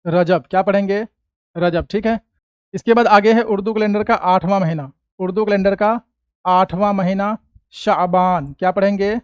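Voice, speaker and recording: A man with a high, smooth voice teaches a class-style lesson. He drags out each word, asks a question and answers it himself, over and over. The sound is dry and close, with no room in it. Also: no echo, dull audio. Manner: slow, drawn-out repetition of each word, asking and answering his own questions.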